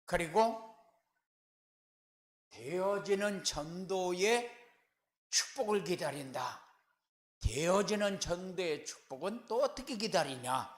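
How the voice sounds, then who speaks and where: Man, pastor, sermon, slow deliberate delivery, rhetorical questions, emphatic refrains, echoey church hall. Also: high voice, lively intonation. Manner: rhetorical questions answered with firm repeated refrains; emphatic swells in loudness on key words. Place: church sanctuary.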